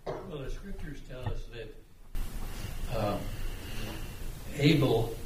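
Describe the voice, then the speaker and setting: A man in a Bible class answering slowly and haltingly, with fillers. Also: mid-range voice, a little mellow. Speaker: class member. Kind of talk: answering in a group discussion. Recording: far from the mic in an echoey room with noise.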